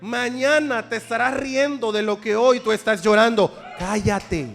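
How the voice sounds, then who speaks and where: High-voiced preacher. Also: male voice, a little slow, creaky, faint music behind. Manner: emphatic, leads the congregation in repeating phrases; shifts between quiet prayerful talk and loud exhortation. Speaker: pastor. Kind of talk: sermon.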